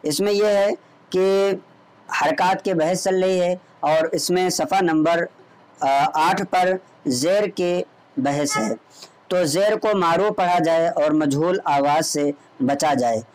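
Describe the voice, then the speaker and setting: A man's voice: on the high side, takes it slowly, darkish tone. A man teaching Quran reading online, patiently drilling letter sounds. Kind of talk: online recitation lesson.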